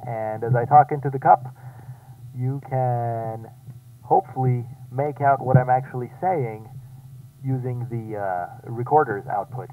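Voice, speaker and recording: A man's voice: mid-range voice, a little slow, far from the mic, slight background noise. Man talking into a tinny cup mic. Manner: relaxed, explains as he tinkers. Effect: talking into a paper cup wired as a homemade magnet microphone, tinny and lo-fi. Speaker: DIY maker demonstrating his build. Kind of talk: casual hands-on demonstration.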